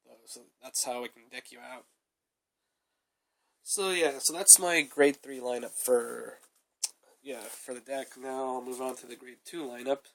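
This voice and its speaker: Sick and coughing with a cold, a young man rambles casually through a review of his card deck, constantly using "though" and "uh." His medium-pitched, slightly bright voice has vocal fry, fairly even intonation, and an unhurried pace.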